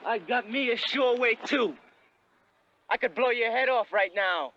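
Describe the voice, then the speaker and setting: An actor playing an earnest teenage cowhand in a TV western, with an American Western accent. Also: male voice, very high-pitched, measured pace, bright, forceful tone, heavily acted. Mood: defiant. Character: earnest teenage farm boy cowhand in the West. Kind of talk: TV western acting. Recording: dull old TV soundtrack, noisy.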